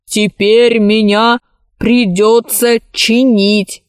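A woman reading a children's story aloud, voicing a stubborn, literal-minded ship's service robot in a slow, measured way. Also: on the high side, little pitch movement, clean tone, dry recording, clean studio sound. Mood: mournful.

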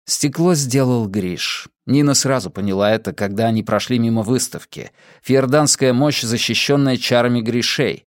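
A man reading an audiobook in measured scripted narration. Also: medium pitch, no echo, clean studio sound. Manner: measured storytelling.

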